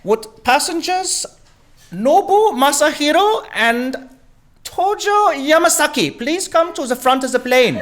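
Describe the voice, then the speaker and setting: A man doing a high, slow flight attendant announcement. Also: expressive. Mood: announcing. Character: female flight attendant making a cabin announcement.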